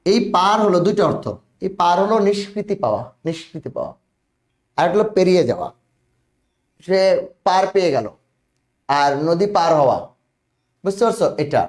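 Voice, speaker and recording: A man's voice: high-pitched, animated, moderate pace, long pauses, echoey room. A man teaching a spelling lesson online, repeating words and often checking that students follow.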